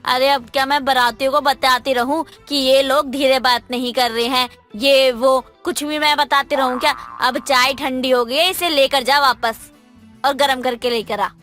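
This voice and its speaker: A woman's voice: sits high, fairly even intonation, normal speed, fairly bright tone, faint music behind. A woman voicing a nagging, scolding mother-in-law. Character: scolding mother-in-law, impatient and sharp-tongued. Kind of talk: animated moral story dialogue.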